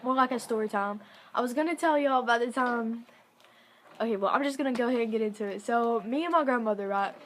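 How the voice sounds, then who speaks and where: A woman's voice: fairly high pitch, quick pace, a little hiss or hum. A young woman telling a story to camera in a casual vlog, chatty and giggly, full of "like" fillers. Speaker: vlogger.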